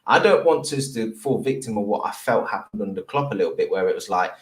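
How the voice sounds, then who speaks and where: A man's voice: fairly low pitch, animated, fast talker. A man talking in a casual chat as a panelist, earnest and emphatic in his analysis. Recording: echoey room.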